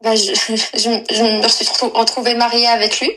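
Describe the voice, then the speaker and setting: Caller, woman in her twenties from Algeria, higher-pitched voice, halting delivery with restarts. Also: level tone, sharp tone, rough recording. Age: 20s. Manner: hesitant, halting, many fillers and restarts. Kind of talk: personal confession on a live call.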